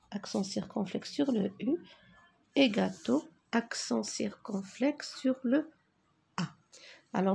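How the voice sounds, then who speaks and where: A woman teacher going slowly through a spelling exercise, dictating words and naming each accent mark. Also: medium pitch, gravelly, darkish tone, breathy edge. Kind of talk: worksheet correction lesson.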